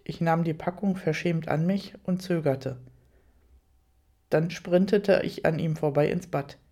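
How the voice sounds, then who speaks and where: A woman narrating a first-person audiobook story at an even storytelling pace, with light, amused touches. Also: sits low, a little slow.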